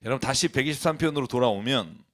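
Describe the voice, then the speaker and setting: A pastor preaches in church, blunt and colloquial, talking fast. He builds to loud, emphatic peaks, then drops into soft, low asides.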